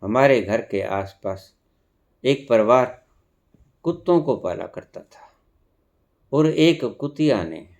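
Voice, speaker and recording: A man giving a spiritual discourse, preaching slowly with sudden emphatic rises. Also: medium pitch, animated, darkish tone. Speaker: spiritual teacher.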